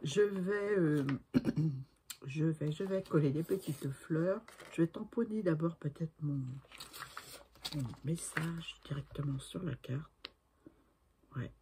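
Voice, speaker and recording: A woman's voice: sits low, takes it slowly, pauses often, dark tone, a little hiss or hum. A woman in her sixties chatting through a crafting tutorial, talking to herself as she works and often trailing off to a murmur. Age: 60s. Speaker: crafting video maker.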